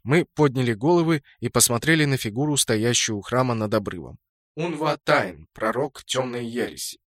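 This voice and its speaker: A man's voice: medium pitch, lively intonation, normal speed, no room sound, studio quality. A man reading scripted fantasy game fiction as an audiobook narrator.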